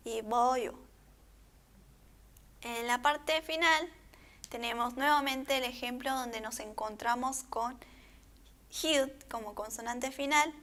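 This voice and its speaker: A woman teaching a language lesson, reading words syllable by syllable and repeating each one, often checking in with a quick question. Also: sits high, bright, forceful tone. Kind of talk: slow step-by-step pronunciation lesson.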